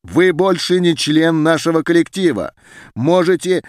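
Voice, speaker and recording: A man's voice: fairly high pitch, no room sound, studio quality, pitched above the performer's own voice, natural voice. A man voicing a cold stern official. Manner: cold, deliberate, authoritative. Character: stern male official chairing a meeting. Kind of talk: audiobook character voice.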